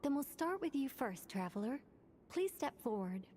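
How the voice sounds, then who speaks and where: A high-voiced, courteous young mage. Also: female voice, sing-song, darkish tone, a little hiss or hum. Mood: curious, impressed. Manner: measured, polite, instructing. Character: composed, formal young woman mage examiner, courteous, confident. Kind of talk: English video game voice acting.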